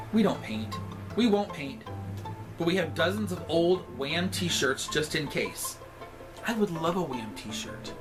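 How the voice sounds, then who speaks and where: A man with a sassy drag queen delivery reads a scripted comic story aloud, with deliberate, emphatic timing. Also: a little high, rough recording.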